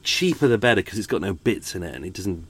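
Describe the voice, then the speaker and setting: Low-voiced British man with a swollen tonsillitis throat. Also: big pitch swings, quick pace, a bit bright, slightly rough, no room sound. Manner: wry, self-interrupting, mild swearing. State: tired from lack of sleep. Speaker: podcast host. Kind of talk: casual rambling solo chat. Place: inside a steel canal boat.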